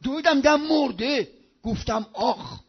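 Guy preaching a sermon, really high voice, goes loud then hushed, kinda dull lo-fi sound. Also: expressive, creaky, slightly rough. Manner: impassioned, swinging between loud outbursts and hushed low tones. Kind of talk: religious sermon storytelling. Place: speaking over a loudspeaker in Qom. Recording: dull lo-fi recording.

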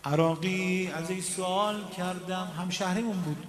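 A man singing devotional eulogy verse, breaking into quick spoken asides between lines. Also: sits high, fairly even intonation, a crowd in the background. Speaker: religious eulogy singer. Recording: echoey hall with music behind.

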